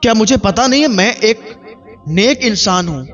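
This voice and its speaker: A preacher playing a pleading young migrant worker. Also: male voice, lively intonation, fairly bright tone. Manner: anguished, pleading, voice pushed high. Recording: dull lo-fi with faint music.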